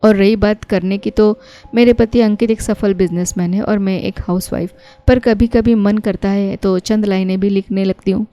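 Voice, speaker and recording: A woman's voice: medium pitch, steady tone, normal speed, mellow, smooth, dry recording, natural voice. Woman voicing a playful young wife. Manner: playful, teasing. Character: young cheerful housewife who writes stories.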